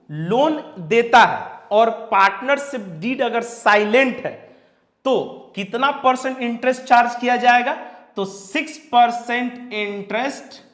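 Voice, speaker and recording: Male commerce teacher from India, high voice, slow deliberate lecturing, quizzes and repeats, roomy echo. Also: fairly bright tone. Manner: drills points by repeating them and asking questions; mixes English terms into Hindi. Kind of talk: classroom lecture.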